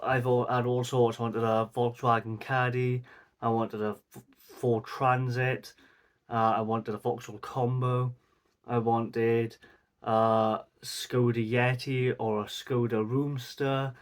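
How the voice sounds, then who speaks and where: A vlogger in his twenties from South Wales rambles through a casual Q&A, speaking to a mic that faces the camera. His mid-range voice is level and slow, full of fillers.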